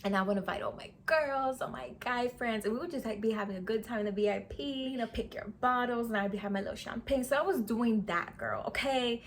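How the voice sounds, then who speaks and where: In her twenties, this beauty vlogger rattles off a storytime fast, with few pauses, in a slightly high voice over faint background noise. She's chatty and sassy, slang-heavy, constantly saying "sis" and "okay."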